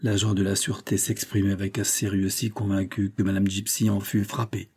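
Brief: man reading a classic novel aloud, deep mellow husky tone, measured delivery. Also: monotone. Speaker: audiobook narrator. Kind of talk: scripted narration.

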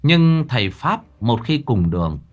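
A man narrating a ghost story in a dramatic, expressive way. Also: mid-range voice, a little slow. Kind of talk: scripted narration.

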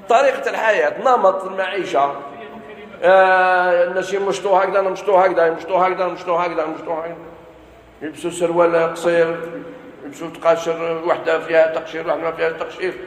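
Algerian male preacher, higher voice, roomy lecture-hall sound with faint background hum. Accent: Algerian Arabic. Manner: asks the audience questions and answers them himself. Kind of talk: religious lesson.

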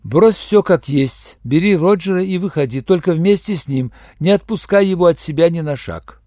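A woman's voice: lowish voice, animated, moderate pace, warm tone, dry recording, clean studio sound, natural voice. A man voicing a cold, commanding young woman who speaks in a colorless, icy tone, read for an audiobook. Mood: urgent.

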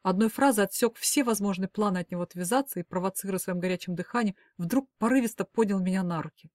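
A woman's voice: mid-range voice, fast talker, a little mellow, dry recording. Audiobook narrator: woman, first-person, dramatic and emotive, dry close sound.

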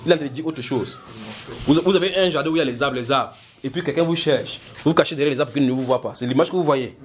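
A man's voice: a little high, fast. A man preaching, teaching the Bible by asking his listeners questions, repeating words and pressing his points with energy. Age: adult.

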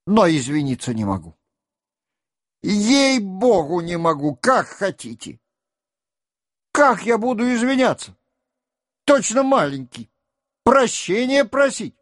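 A proud young count pleads in a flustered, hurried rush, as a male reader acts him out. His voice climbs high and lively, and the reading is dry and close-miked. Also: no echo, heavily acted. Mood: stubborn. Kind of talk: audiobook character reading.

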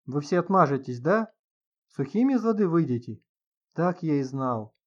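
Male narrator doing a bitter young guy backed into a corner, high and shrill, audiobook sound. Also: sing-song, moderate pace, lo-fi sound. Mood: spiteful.

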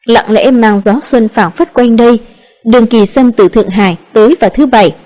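Woman, higher voice, calm steady narration, audiobook reading. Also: normal speed. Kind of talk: scripted narration of a romance novel.

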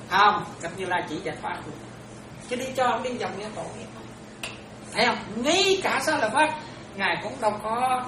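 A woman teaching in a Buddhist talk, chatty, often checking whether listeners follow and laughing now and then. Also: a little high. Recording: echoey room, distant mic, noisy.

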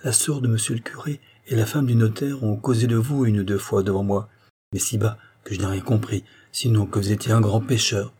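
A man voicing a naive, frank young girl from a convent in an audiobook, lifting his voice higher. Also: fairly even intonation, a little fast, breathy edge. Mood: shy. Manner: bright, higher girlish voice. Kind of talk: audiobook character reading.

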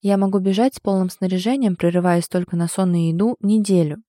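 A woman voicing a calm grown man who speaks evenly and quietly, holding back amusement. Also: medium pitch, a little fast, no echo, clean studio sound, close to an everyday voice. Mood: calm, amused. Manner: calm, even, restrained.

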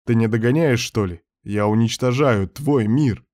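A man's voice: mid-range voice, moderate pace, a little mellow, dry recording, clean studio sound, lightly acted. A man voicing a brash young male hero who talks bluntly, with slang and mocking jabs.

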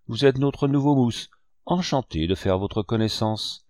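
A man's voice: medium pitch, measured pace, a little mellow, no room sound, studio quality, lightly acted. A man reading an audiobook, voicing a scheming one-legged innkeeper who blusters with theatrical indignation. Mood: hearty.

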